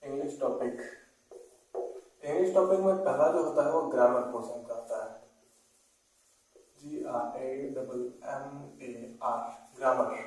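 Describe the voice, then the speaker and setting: A man's voice: medium pitch, a little mellow. A man with a Hindi accent teaching English antonyms, spelling each word letter by letter and repeating it. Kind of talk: spoken vocabulary lesson, spelling out words. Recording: very echoey room, voice far from mic.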